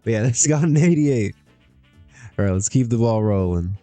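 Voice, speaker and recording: A man's voice: on the low side, animated, fast talker, warm tone, no echo, soft background music. A man streaming a wrestling management game, chatting casually to himself, laughing often as he reacts to results. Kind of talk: casual gameplay commentary.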